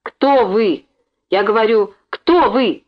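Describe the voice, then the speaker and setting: A woman doing a gruff half-deaf old fisherman. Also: medium pitch, animated, unhurried, lo-fi sound, close to an everyday voice. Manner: gruff, shouting, suspicious.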